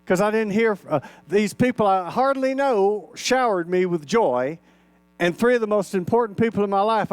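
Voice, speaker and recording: Older man in his 60s, minister, folksy storytelling sermon, smooth and slightly high voice, dry close sound. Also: dry recording. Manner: folksy, conversational, acts out quoted dialogue. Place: church sanctuary.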